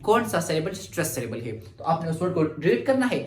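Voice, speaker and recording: Male teacher, animated pitch, drawn-out word drills, roomy echo. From Pakistan. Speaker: English teacher. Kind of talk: grammar lecture mixing Urdu and English. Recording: echoey room.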